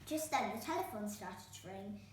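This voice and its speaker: As a storytime host, a woman reads a children's storybook aloud in an expressive, medium-pitched voice at normal speed. The recording comes from a very echoey room with a distant microphone and faint noise.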